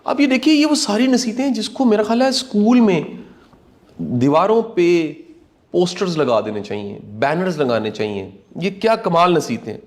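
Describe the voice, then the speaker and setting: A man's voice: high-pitched, lively intonation, a little mellow. A man giving earnest, preachy commentary on a talk show.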